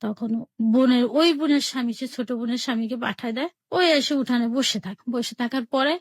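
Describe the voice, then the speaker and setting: Talkative Bangladeshi woman, high dry voice. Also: brisk, no echo. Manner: plain spoken, repeats herself, retells each exchange in quotes. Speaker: caller telling her life story. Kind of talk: personal storytelling on a radio call-in show.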